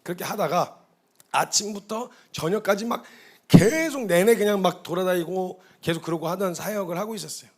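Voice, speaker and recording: A man with a noticeably high voice delivers a testimony sermon as a missionary. His tone stays conversational and earnest, and he keeps confessing his own experience to the congregation in a church setting. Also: normal speed. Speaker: missionary preacher. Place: church hall.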